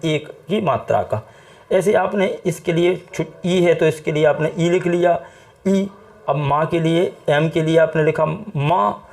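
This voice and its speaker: A man's voice: a little high, gravelly, a little mellow. An Indian man with an Indian accent teaching English reading step by step, patiently repeating words and quizzing the listener. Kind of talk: classroom-style phonics lesson.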